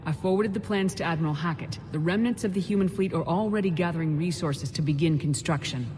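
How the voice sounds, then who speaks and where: Speaking fast in a low-leaning, darkish yet natural voice, an actress plays a resolute woman commanding troops in a game. The dramatic dialogue is urgent and delivered firmly and earnestly, recorded with hall-like reverb and music in the background.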